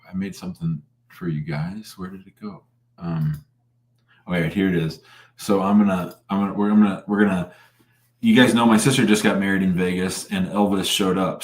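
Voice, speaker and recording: A man with a fairly deep voice hosts a casual live show. He talks bluntly and informally, restarting phrases as he goes, and the sound is noticeably echoey. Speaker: live show host and lawyer. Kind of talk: casual live call-in chat. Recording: roomy, echoing sound.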